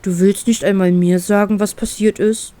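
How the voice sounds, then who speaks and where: A woman reading aloud and voicing a big, gentle male talking bear who speaks directly and skeptically to his friend. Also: medium pitch, fairly even intonation, normal speed, natural voice. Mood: skeptical, calm.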